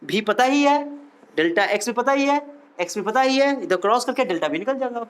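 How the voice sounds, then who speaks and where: This male physics teacher has a very high, smooth, animated voice and a moderate pace. As he works problems, he jokes around, teases the class and fires questions at them.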